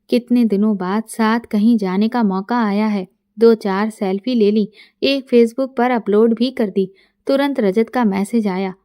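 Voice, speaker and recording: Mellow-voiced woman narrating a story. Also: on the high side. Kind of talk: first-person story narration.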